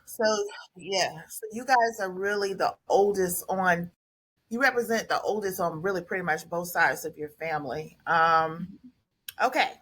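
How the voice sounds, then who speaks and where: A middle-aged woman with a fairly low voice hosts a relaxed family conversation. She rambles a little, circles back, and fills gaps with "um" as she gathers her thoughts. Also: measured pace, slightly rough. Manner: warm, rambling with many fillers and restarts. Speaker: podcast host.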